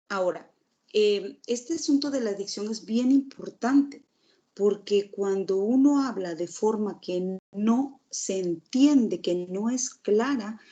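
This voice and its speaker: A woman's voice: mid-range voice, dark tone. A woman teacher giving a recorded lecture, explaining steadily and asking the class rhetorical questions.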